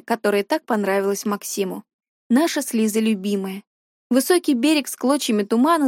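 A woman reads a first-person audiobook with emotional expression. Her voice sits high. The recording is dry and close. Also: darkish tone, no room sound. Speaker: audiobook narrator.

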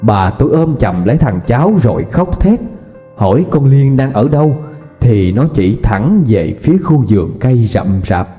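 A man's voice: mid-range voice, very animated, normal speed. A man narrating a ghost story in a dramatic, suspenseful way. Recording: dull lo-fi with faint music.

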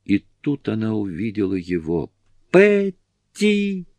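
A man reading a novel aloud in steady, measured audiobook narration. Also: lowish voice, no echo. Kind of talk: scripted narration.

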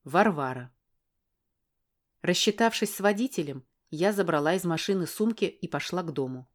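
A woman narrates a first-person audiobook in a fairly low voice. Her telling is brisk and wry, steady storytelling.

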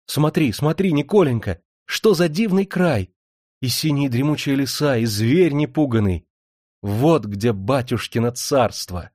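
A man's voice: mid-range voice, expressive, unhurried, a little mellow, no echo, studio quality, voice pushed up. A man doing a gushing noblewoman. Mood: delighted. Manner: gushing, breathless. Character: excitable noble lady, a wife.

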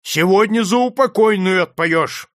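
A man voicing a domineering, wrathful factory owner who shouts threats in a storybook reading. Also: a little high, lively intonation, measured pace, no room sound, clean studio sound. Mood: furious.

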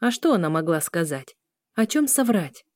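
Female audiobook narrator, calm and even, warm dark tone, dry close recording. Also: fairly low pitch, moderate pace, no echo.

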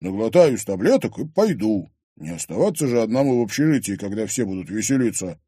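A man's voice: fairly low pitch, sing-song, fairly quick, warm tone, slightly rough, no room sound, clean studio sound. A man voicing a cheeky, sociable teenage boy who talks in a breezy, joking way.

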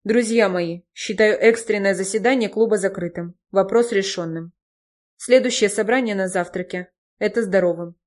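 Женщина изображает флегматичного ироничного мужчину. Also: female voice, mid-range voice, moderate pace, a little mellow, close to an everyday voice. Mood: lecturing. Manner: phlegmatic, lecturing. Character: phlegmatic wry man, caretaker friend.

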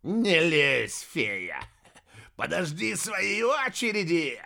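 A man's voice: a little high, big pitch swings, drawn-out words, creaky, bright, forceful tone, pitched above the performer's own voice, exaggerated voice. A man voicing a cowardly, treacherous young heir who sobs and pleads, then snarls viciously, in an audiobook. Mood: snarling. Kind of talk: audiobook character voice.

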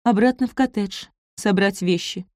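Woman reading a young maid, proud and hurt, a bit higher than her narration, dry recording. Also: moderate pace, no room sound, lightly acted. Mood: defiant. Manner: higher and tense, sometimes quiet.

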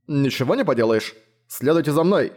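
A pompous vampire aristocrat, vain and quick to take offense, read by a man narrating the book. He lectures and excuses himself with lofty indignation. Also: a little high, expressive, a little mellow, lightly acted. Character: vain, cowardly old vampire baron.

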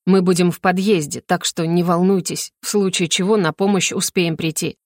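A woman voicing a calm man who reassures briskly. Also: on the low side, no echo, clean studio sound, lightly acted. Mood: reassuring.

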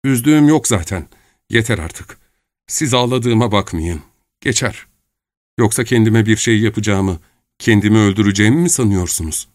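A man's voice: fairly low pitch, moderate pace, no echo, studio quality, lightly acted. A man reading a novel aloud, voicing a distraught young woman who pleads emotionally in a raised voice. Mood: bitter. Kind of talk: audiobook character reading.

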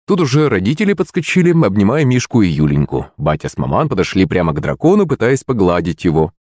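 A man narrating a first-person fantasy audiobook in a wry, expressive storytelling manner. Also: lowish voice, fast talker, dry recording, studio quality.

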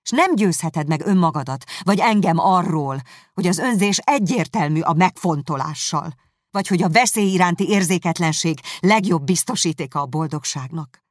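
A woman reading a novel aloud, voicing a spirited, sharp-tongued young woman who talks emphatically. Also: fairly low pitch, animated, gravelly, dry recording, clean studio sound, pitched above the performer's own voice. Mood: indignant. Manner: indignant, emphatic.

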